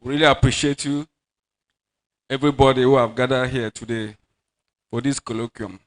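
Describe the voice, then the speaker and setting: A man of middling pitch giving a company presentation. He speaks politely and formally, pausing now and then on fillers. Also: fairly even intonation. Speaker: pharmaceutical company regional manager. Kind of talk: formal speech at an event.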